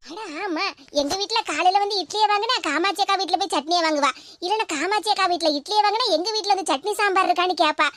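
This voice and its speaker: A woman with a Tirunelveli Tamil accent voicing a fussing, curious neighbor woman in a cartoon, with sped-up, high voice. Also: fairly bright tone, dry recording, studio quality. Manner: quick, fussing questions and homely chatter. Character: concerned older neighbor woman, curious about gossip.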